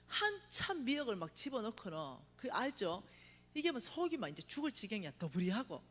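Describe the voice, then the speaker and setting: A middle-aged woman giving a testimony sermon at a revival meeting, telling her story with vivid acted-out cries and sudden hushed asides. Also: a little high, fairly quick. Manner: animated storytelling, acts out her own cries, drops to a hush for emphasis. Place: church sanctuary. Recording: reverberant church hall.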